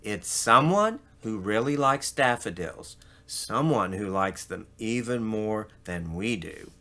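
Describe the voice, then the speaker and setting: A man reading a children's storybook, voicing an earnest, excitable female cartoon mouse. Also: lowish voice, slow pace, heavily acted. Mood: curious, thoughtful. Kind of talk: children's storybook read-aloud.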